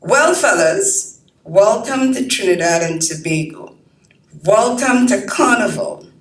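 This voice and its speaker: A woman's voice: medium pitch, lively intonation, slow pace, recorded from a distance. A woman reading as an easygoing local man. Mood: welcoming. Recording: roomy hall, mic from afar.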